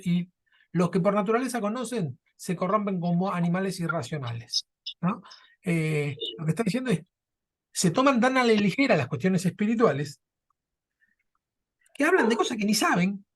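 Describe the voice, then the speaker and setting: A class teacher speaking in a measured, thoughtful way, pausing often and reading passages aloud. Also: medium pitch. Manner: measured, thoughtful, many filler pauses.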